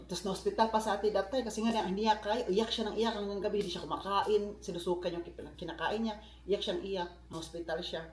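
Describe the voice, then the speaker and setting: A man from the Philippines vlogging in a casual, chatty way, often turning to his viewers with asides. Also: high voice. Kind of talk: casual vlog chat. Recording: roomy echo.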